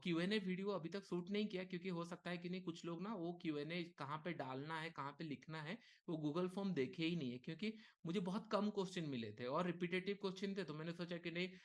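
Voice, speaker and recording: A man leading a live market lesson, talking casually and thinking aloud, with frequent okays and short pauses. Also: a little high. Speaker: trading instructor. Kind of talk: live market teaching session.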